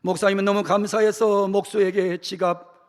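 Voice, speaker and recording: A middle-aged man, a pastor preaching a sermon, dramatically acting out quotes with shouted outbursts and slow, pleading phrases. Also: sits high, little pitch movement. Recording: church sermon with long hall reverb.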